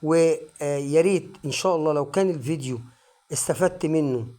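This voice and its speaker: Egyptian teacher, fairly high male voice, patient slow drills, young adult. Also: mellow. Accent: Egyptian Arabic. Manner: slow drilled word-by-word repetition. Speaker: English teacher. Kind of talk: online phonics lesson.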